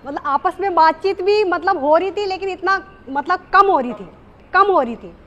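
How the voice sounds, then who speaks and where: High-voiced woman sharing reflections. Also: animated, normal speed, a bit bright, dull audio. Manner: hesitant, many fillers and restarts. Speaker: workshop participant. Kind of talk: reflective talk to a group.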